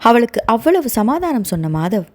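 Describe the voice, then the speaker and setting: A woman narrating an audio novel in an expressive storytelling manner. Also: on the high side, normal speed. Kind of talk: scripted narration.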